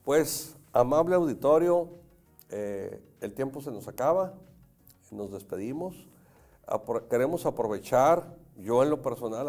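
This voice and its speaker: A man's voice: mid-range voice, mellow. A middle-aged man from Jalisco with a Mexican accent, hosting a talk show and telling stories earnestly to the audience. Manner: anecdotal, earnest, addresses audience. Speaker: host. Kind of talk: casual talk show chat.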